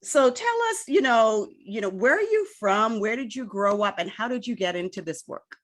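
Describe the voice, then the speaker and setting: A woman hosts a relaxed interview show, talking in a chatty way. Her pitch moves a lot, rising and falling as she goes. She laughs easily and keeps checking in with little tags. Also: moderate pace. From lived in Miami. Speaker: podcast host. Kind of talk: casual interview chat.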